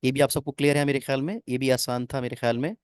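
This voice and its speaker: A man's voice: mid-range voice, fairly even intonation, fast, clear, resonant tone, no room sound. Man teaching grammar, dry sound. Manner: explains step by step, checks often if students follow. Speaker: English teacher. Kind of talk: online class explanation.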